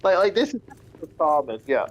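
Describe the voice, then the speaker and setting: A man's voice: a little high, sing-song, normal speed, muffled recording. A man casually chatting about fantasy games on a live stream, rambling and swearing freely. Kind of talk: casual chat while gaming.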